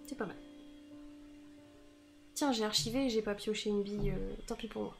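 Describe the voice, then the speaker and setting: A woman's voice: medium pitch, moderate pace, gravelly, over music. A woman with a Franc-comtois accent streaming a board game, laughing often and thinking her moves through aloud. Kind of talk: live board game play with banter.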